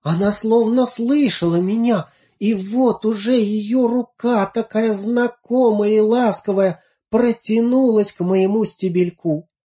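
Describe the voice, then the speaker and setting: A woman reading a fairy tale aloud in the first person, tender and expressive. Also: medium pitch, unhurried, few pauses. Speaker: storyteller. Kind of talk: storybook reading.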